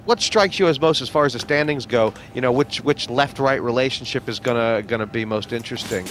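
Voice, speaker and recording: A man's voice: mid-range voice, brisk, fairly bright tone, a little hiss or hum. A man commentating on a poker broadcast, asking his co-commentator questions and reading out game rules. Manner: conversational, asks the analyst questions.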